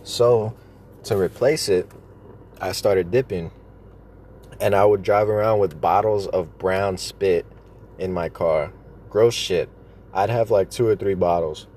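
Lowish-voiced man talking around chewing tobacco. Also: slow pace, pauses often, a little mellow, a little hiss or hum. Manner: frequent casual swearing, joking. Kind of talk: casual rambling storytelling.

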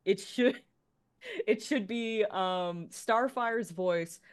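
A woman's voice: mid-range voice, clear, resonant tone, no room sound, clean studio sound. A woman panelist in casual chat, emphatic and opinionated. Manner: emphatic, opinionated, quick restarts. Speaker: panelist on a role-play show.

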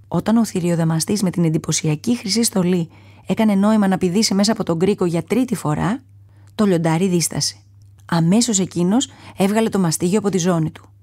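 A woman narrating a children's story aloud in a calm, measured reading, sometimes falling to a soft whisper. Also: mid-range voice, dry recording, studio quality.

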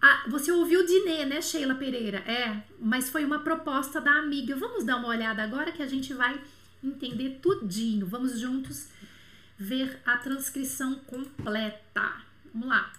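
A woman with a Brazilian accent teaching a French lesson online, animated and affectionate, fond of little diminutives. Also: sits high, normal speed, echoey room. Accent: Brazilian Portuguese.

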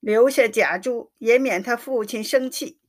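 A woman's voice: a little high, a little slow, natural voice. A woman voicing a grieving mother in her fifties who pleads through tears. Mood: tearful. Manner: tearful, pleading. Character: grieving middle-aged mother, tearfully pleading.

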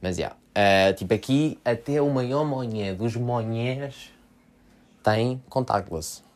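A man's voice: medium pitch, takes it slowly. A young man from Portugal, rambling casually and jokingly on his solo podcast, full of slang and fillers. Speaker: podcast host.

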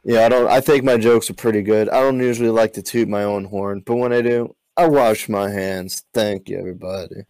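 A man telling deadpan one-liners in casual podcast chat and laughing at his own jokes. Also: lowish voice, fairly quick, hardly any pauses, no echo, rough recording. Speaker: podcast guest comedian.

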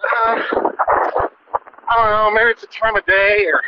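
A man's voice: high-pitched, little pitch movement, a little slow. A man chatting on a headphone mic while walking outdoors, hesitant and quizzical, full of fillers. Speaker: podcast co-host. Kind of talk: casual phone chat. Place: outdoors on a walk. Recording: muffled noisy call recording.

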